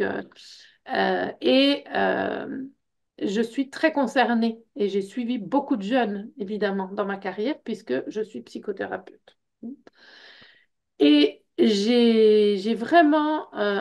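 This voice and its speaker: A woman's voice: fairly high pitch, gravelly. A middle-aged woman, a psychotherapist, talking casually and reassuringly at an information evening, with many small fillers. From France. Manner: warm reassuring, many fillers like hein and euh. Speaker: psychotherapist and workshop leader. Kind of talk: casual info session talk.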